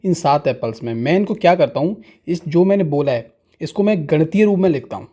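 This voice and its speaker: Patient man teaching, mellow voice. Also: on the high side, expressive. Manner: slow, patient, asks questions and answers them himself. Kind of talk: explaining fractions to students.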